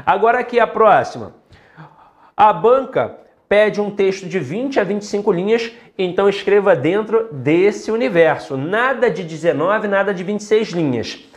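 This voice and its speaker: Man, Brazilian accent, high-pitched, emphatic whiteboard teacher, blunt asides. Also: lively intonation, moderate pace. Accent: Brazilian Portuguese. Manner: emphatic, blunt asides, mocks common mistakes. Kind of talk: whiteboard lesson on essay writing. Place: classroom with whiteboard.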